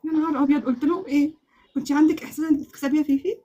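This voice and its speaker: A woman with an Egyptian Arabic accent hosting a crochet giveaway live stream, excitable and laughing often, repeating oaths as she chats. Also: high-pitched, rapid-fire, a little hiss or hum. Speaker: crochet channel host.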